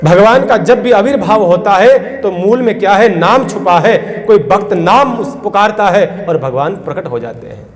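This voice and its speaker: Man, high voice, devotional storytelling sermon, long hall reverb, faint music behind. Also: expressive, moderate pace, hardly any pauses. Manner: dramatic storyteller, acts out the characters' cries; addresses listeners with "है ना?" asides. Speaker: saint giving a religious discourse.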